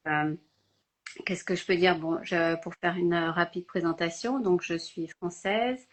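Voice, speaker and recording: A woman's voice: on the low side, unhurried, slight background noise. An older woman from France, speaking hesitantly with many fillers as a guest in a casual live video-call interview. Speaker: guest photographer.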